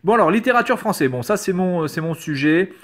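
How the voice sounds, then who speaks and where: In his high-pitched, expressive voice, the YouTuber moves briskly through quiz questions, reading each aloud and answering it. The screen-recorded commentary is casual, sarcastic and hesitant, with the odd swear word.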